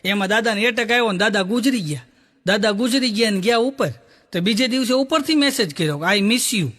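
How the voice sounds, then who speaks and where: High, bright-voiced comic storyteller. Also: male voice, a little fast. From Gujarat, India. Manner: jokey storytelling, punchline-driven. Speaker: stand-up comedian.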